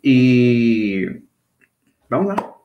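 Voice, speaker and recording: A native Spanish speaker from Venezuela, with a Venezuelan accent, teaches an online Sunday school class over a video call. His medium-pitched voice swings widely in pitch as he speaks haltingly, restarts, and checks that listeners agree. The sound is roomy and lo-fi.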